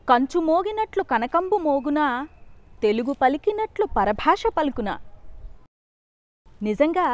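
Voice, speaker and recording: Heard through a muffled recording, a woman with a high voice gives a prepared speech with a sung song at a Telugu cultural event. Her manner is warm and teacherly, and she asks listeners to repeat words.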